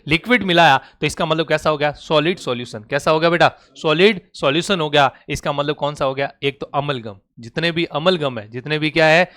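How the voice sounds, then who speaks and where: High-voiced man drilling a class. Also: fairly bright tone. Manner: drills students with rapid questions; coaxing, calls students "beta". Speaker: teacher. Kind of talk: classroom lecture.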